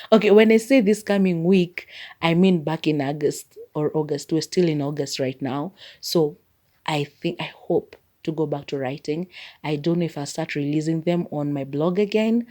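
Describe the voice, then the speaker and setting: This solo podcast host, a woman with a Kenyan accent and Maragoli as her first language, has a low, slightly mellow voice. She rambles in a chatty way and uses "like" a lot as filler.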